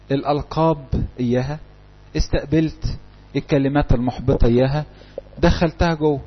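Fast, husky Egyptian preacher man. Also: a little high, highs cut off. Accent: Egyptian Arabic. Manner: fires rhetorical questions at the audience. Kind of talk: interactive church talk.

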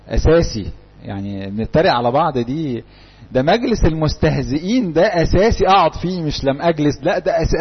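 Male Egyptian preacher, husky and quick, peppering listeners with questions; dull lo-fi recording. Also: on the high side. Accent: Egyptian Arabic. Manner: fires rhetorical questions at the audience. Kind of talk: interactive church talk.

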